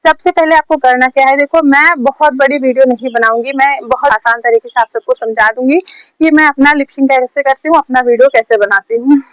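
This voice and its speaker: A woman's voice: high voice, fairly even intonation, a little fast, smooth, dry recording, rough recording. A woman from India casually teaching short-video lip sync, repeating her points again and again, recorded at home on a phone set on a stand. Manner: chatty, repetitive, drills points over and over. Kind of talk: casual tutorial talk.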